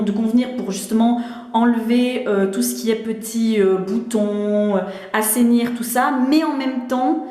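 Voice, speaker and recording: A Swiss beauty vlogger with a Swiss French accent chats casually about her skincare masks from her home bathroom, the room echoey. Her voice is fairly high with a darkish tone, and she's chatty, laughing often, full of fillers and restarts.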